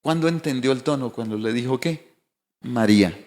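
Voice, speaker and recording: A man's voice: medium pitch, fairly quick, in a large hall. A male pastor preaching a sermon, building emphatic declarations and asking the congregation rhetorical questions. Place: church sanctuary.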